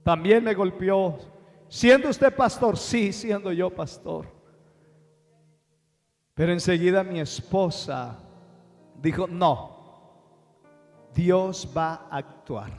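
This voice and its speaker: A man with a Colombian accent, preaching a sermon with impassioned swings between slow, quiet lines and loud bursts. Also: fairly high pitch. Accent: Colombian Spanish. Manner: impassioned preaching, dramatic slowdowns, sudden rises in volume. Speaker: pastor. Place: large church sanctuary. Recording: long hall reverb with faint music.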